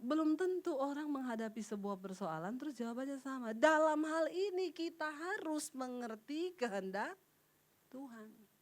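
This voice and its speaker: A middle-aged woman evangelist preaching a sermon in a lively, conversational way, often asking the congregation questions. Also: sits high, normal speed.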